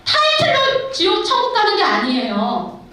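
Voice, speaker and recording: A woman's voice: very high-pitched, huge pitch swings, moderate pace, sharp tone, a little hiss or hum. A middle-aged woman missionary giving an emphatic testimony sermon in a church, exhorting the congregation directly. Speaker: missionary preacher. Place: church sanctuary. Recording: echoey hall, far from the mic.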